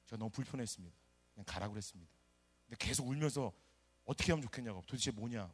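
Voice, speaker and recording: A middle-aged man from South Korea, a pastor preaching a sermon and telling his own story, animated and acting out the people he quotes. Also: mid-range voice. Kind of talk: sermon with personal testimony.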